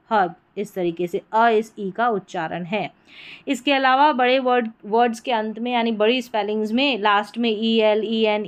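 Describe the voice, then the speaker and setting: A woman teaching English pronunciation rules, slowly drilling word after word. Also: a little high, smooth. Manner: slow, patient word-by-word drilling. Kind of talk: explanatory lesson.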